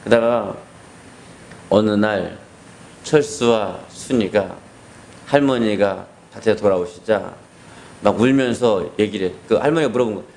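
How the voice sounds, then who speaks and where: A man's voice: lowish voice, unhurried, gravelly, pauses often, a little mellow, a little hiss or hum. A male pastor giving a sermon, telling a story in an earnest, conversational way. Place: hospital basement room.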